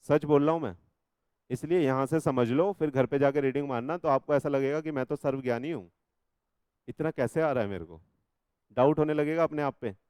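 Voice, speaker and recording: Indian male teacher, smooth voice. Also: medium pitch, dry recording. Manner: reads text slowly, then explains in lively chatty asides; teasing, scolding students with repeated checks. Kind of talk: classroom law lecture.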